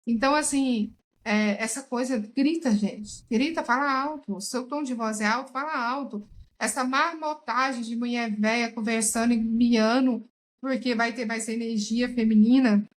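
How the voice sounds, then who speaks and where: Woman, fairly high voice, emphatic casual commentator who keeps calling out to listeners. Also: fairly even intonation, moderate pace, rough recording. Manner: emphatic, addresses listeners as "gente". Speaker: therapeutic tarot reader, guest. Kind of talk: casual commentary while watching a recorded chat.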